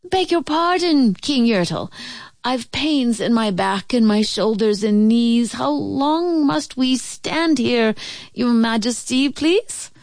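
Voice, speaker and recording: A woman's voice: on the high side, lively intonation, slow pace, darkish tone, no echo, pitched above the performer's own voice. A woman voicing a meek, polite little male turtle who pleads and groans in a storybook read-aloud. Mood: meek, pleading.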